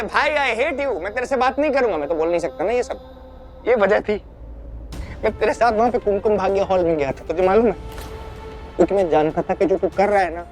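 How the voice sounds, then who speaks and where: An actor portrays an elder brother, loving yet deeply hurt, scolding his sibling as he swings between pleading and shouting.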